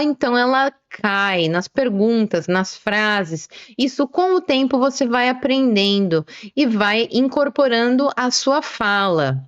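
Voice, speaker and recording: A woman giving an online English lesson, didactic and slowing down to stress key words. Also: a little high, clean tone, no room sound, muffled recording. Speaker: English teacher.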